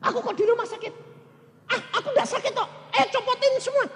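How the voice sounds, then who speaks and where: A man voicing a cheerful ninety-year-old woman who has just woken from a coma, in a shrill, giggly, fussy way. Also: fairly quick, gravelly, a bit bright, full character voice. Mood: cheery, surprised. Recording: long church hall reverb.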